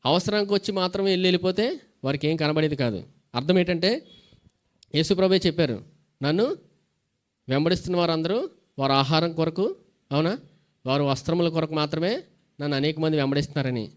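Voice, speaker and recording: A man's voice: fairly high pitch, expressive, brisk, pauses often. A pastor preaching a sermon. He asks questions and answers them himself, and reads scripture aloud between plain explanations.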